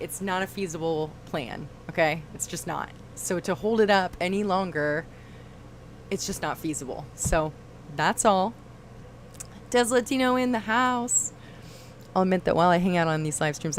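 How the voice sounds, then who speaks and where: A woman's voice: on the low side, steady tone, normal speed, a little hiss or hum. A woman hosting a casual livestream, chatting and reading viewer comments aloud. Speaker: livestream host.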